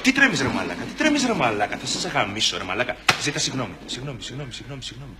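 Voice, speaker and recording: A man's voice: medium pitch, sing-song, lightly acted. A man playing a menacing thug who repeats crude threats and demands an apology. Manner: repetitive barked threats. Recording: loud noisy recording with clicks.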